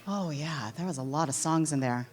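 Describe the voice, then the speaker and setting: A woman's voice: low-pitched, darkish tone. A woman moderating a festival Q&A, upbeat, calling on the audience and joking with the guests. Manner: upbeat, quick to prompt and joke. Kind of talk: hosting a festival Q&A. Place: film festival screening.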